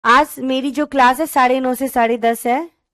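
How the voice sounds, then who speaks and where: Lady teacher, high voice, slow and careful, dry close sound. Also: fairly even intonation, fairly bright tone, dry recording. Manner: explains slowly, reads questions word by word; calls students "beta", mixes English into talk. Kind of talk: online pedagogy class.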